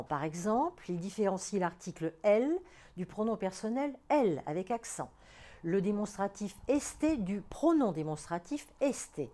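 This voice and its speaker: A woman, a Spanish teacher, giving a recorded grammar lesson, speaking clearly and deliberately and stressing each example word. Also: mid-range voice, mellow.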